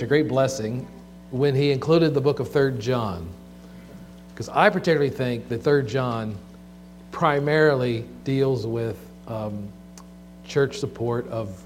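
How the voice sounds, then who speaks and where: A pastor at a pulpit microphone, reading with measured pauses, over faint mains hum, his pitch right in the middle. He stops often on fillers and starts phrases again. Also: darkish tone. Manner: measured, with frequent fillers and restarts. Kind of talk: sermon with scripture reading.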